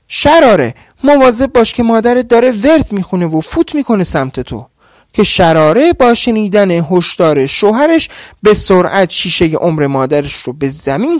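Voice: medium pitch, dry recording, studio quality. A storyteller narrating a dramatic folk tale expressively.

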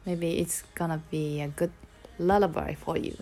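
Chatty Kansai-accented woman, unhurried. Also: lowish voice, fairly even intonation, mellow, faint music behind. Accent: Kansai Japanese. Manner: chatty and playful, musing aloud and counting to test intonation. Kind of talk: casual solo talk, mixing English and Japanese.

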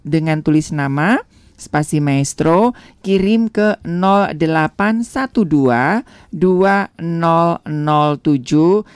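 A woman's voice: sits low, no room sound. A woman radio host announcing in an infomercial style, repeating details carefully for listeners. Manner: repeats sign-up details slowly and clearly.

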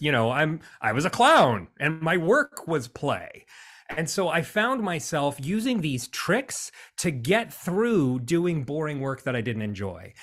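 An American man appears as a podcast guest, cheerful and talkative, laughing easily during casual interview chat. His voice is fairly high and a bit bright.

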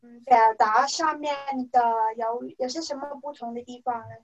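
A woman who is a non-native Mandarin speaker with a foreign accent, asking a question as a student, haltingly searching for words. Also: fairly high pitch. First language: not Mandarin. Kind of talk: spoken question in an online class. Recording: muffled, distant microphone.

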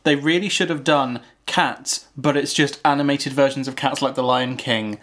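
A man co-hosts a casual podcast in a mid-pitched voice. His delivery is wry and rambling, full of asides as he spins a tale. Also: steady tone, normal speed, fairly bright tone. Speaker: podcast co-host.

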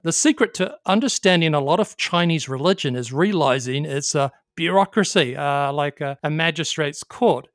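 A storyteller narrating a folk tale at a steady, measured pace, with a mid-range voice. They sometimes pause to explain the background. The recording is dry and close. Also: mid-range voice, dry recording.

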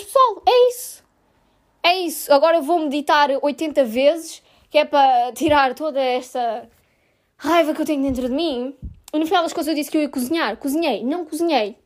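A young woman with a European Portuguese accent hosting a casual podcast, venting her frustration with swearing and sarcasm. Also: high voice. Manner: exasperated, swears a lot, sarcastic. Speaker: podcast host.

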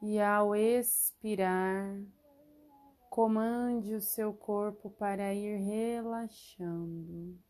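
A woman leading a guided relaxation meditation, giving soothing instructions with long pauses. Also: medium pitch, fairly even intonation, a little mellow.

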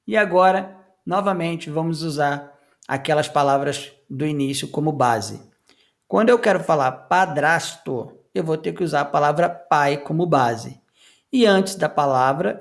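Man, vocabulary lesson, very slow, slightly high voice. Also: creaky. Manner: reads each word then repeats it slowly. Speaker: English teacher.

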